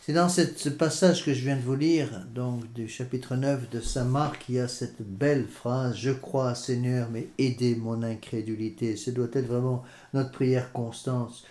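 French priest preaching in an echoey room. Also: male voice, mid-range voice, steady tone, a little mellow. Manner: measured, hesitant with many fillers. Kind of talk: sermon with scripture reading.

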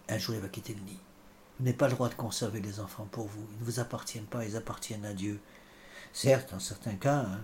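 A man's voice: fairly low pitch, a little mellow. Guy preaching a sermon, stops and repeats himself a lot, bit of hiss behind. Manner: halting, repeats words, frequent fillers. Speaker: priest. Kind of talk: sermon with scripture commentary.

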